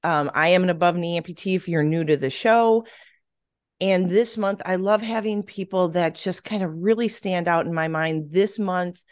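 A woman's voice: on the low side, fairly even intonation, moderate pace. A woman hosting a podcast, chatting eagerly and casually with a guest, with many fillers. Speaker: podcast host. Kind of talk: casual interview chat.

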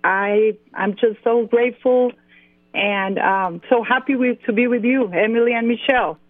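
A woman's voice: fairly high pitch, normal speed, no room sound. A woman in her forties with a Costa Rican Spanish accent, a guest telling her story in an interview and laughing easily. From Costa Rica. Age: 40s. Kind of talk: interview by phone. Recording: dry phone-line audio.

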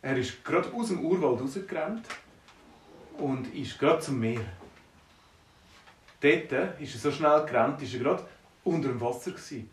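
A man with a Swiss German accent improvising a bedtime story for a child, lively and playful with sound effects. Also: fairly high pitch, unhurried, pauses often. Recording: roomy, distant mic, faint noise.

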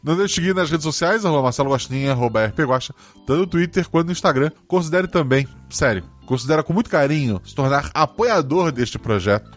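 A man's voice: fairly high pitch, lively intonation, fast talker, soft background music. A man with a Brazilian accent hosting a story game podcast, narrating as game master.

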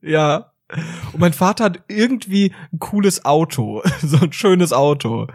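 A man in his twenties, co-hosting a podcast in casual chat, telling animated stories. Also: fairly high pitch, a little slow, no room sound, clean studio sound. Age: 20s. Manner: animated storytelling with acted quotes. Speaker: podcast host.

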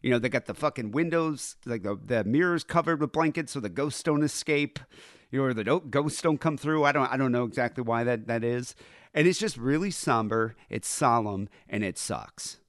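A man's voice: medium pitch, normal speed, dry recording, clean studio sound. A man with a nasal voice hosting a casual, profane, rambling podcast conversation. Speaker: podcast host.

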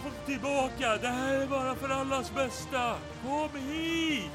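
A furious armed pursuer bellows from a distance, his voice pushed up high and strained, as a man acts him out. Steady music runs under the shouting in this tabletop horror game.

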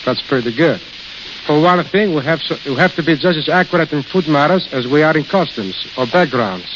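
Animated and brisk, this high-voiced man is a studio caterer being interviewed on a 1930s radio program, sharing anecdotes in a plain-spoken way. The recording is dull, with hiss and crackle.

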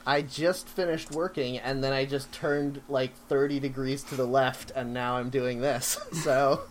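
Man, podcast host, medium pitch, casual banter, noticeable background noise. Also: fairly even intonation, measured pace.

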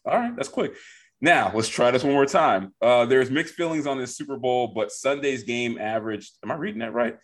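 A man's voice: mid-range voice, fairly quick, hardly any pauses, a bit bright. A man hosting a sports podcast, moving the segments along in a playful, teasing way. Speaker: podcast host. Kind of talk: casual sports chat.

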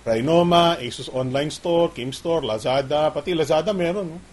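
A man's voice: on the high side, normal speed. A man hosting a casual tech chat who laughs often and switches between Tagalog and English. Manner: laughs often, mixes English into Tagalog, reads viewer comments. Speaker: podcast host.

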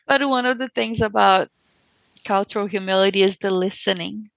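A woman's voice: mid-range voice, lively intonation, a little slow, vocal fry, a bit bright, no echo, poor audio. A woman parent speaking earnestly in an interview and repeating phrases for emphasis. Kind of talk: conversational interview.

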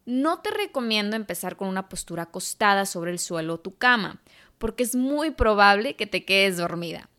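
A woman giving guided meditation instructions as an instructor, in a gentle and encouraging manner. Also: mid-range voice, very animated, moderate pace.

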